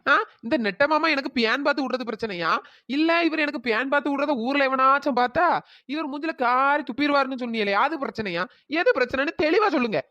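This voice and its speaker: A woman's voice: high voice, quick pace, fairly bright tone, no room sound, highs cut off. A woman voicing a bossy, mocking young wife in a cartoon. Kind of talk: cartoon voice acting.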